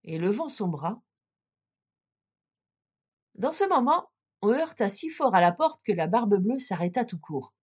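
A woman storyteller reading a classic fairy tale in a measured, expressive way. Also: mid-range voice, breathy edge.

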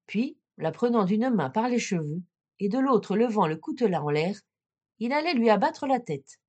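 Woman reading a classic fairy tale. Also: medium pitch. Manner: measured, expressive narration. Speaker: storyteller.

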